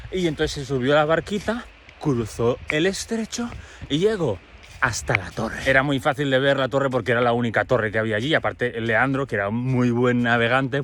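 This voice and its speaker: A man tells a myth in a playful, chatty way, dropping modern slang as he goes. His voice is fairly high and swings up and down in a lively way. A faint noise sits behind him. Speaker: storyteller host. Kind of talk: playful casual myth retelling.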